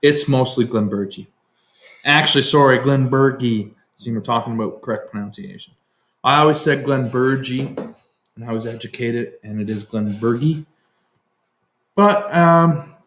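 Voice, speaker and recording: A man co-hosting a casual chat, blunt and quick with a curse word. His pitch sits mid-range. The room around him has a clear echo. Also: fairly bright tone, slight background noise. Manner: blunt and profane. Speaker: co-host.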